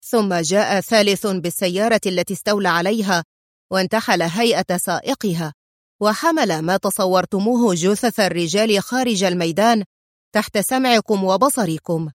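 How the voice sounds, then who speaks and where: A woman narrating a story as an audiobook, in a steady and measured storytelling manner, close to the mic. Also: mid-range voice, dry recording.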